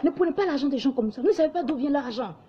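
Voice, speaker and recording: Woman, light Ivorian accent, high voice, exhorting monologue, slightly dull lo-fi sound. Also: lively intonation, rapid-fire, a little hiss or hum. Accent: light Ivorian French. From Ivory Coast. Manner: lecturing, exhorting, mimics others in quoted asides. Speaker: online commentator. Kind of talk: impassioned monologue to camera.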